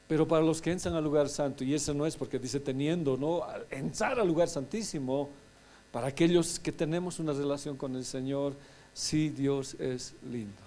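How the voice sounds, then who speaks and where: A man, a pastor, preaching a sermon, swinging between soft asides and loud exclamations. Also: a little high.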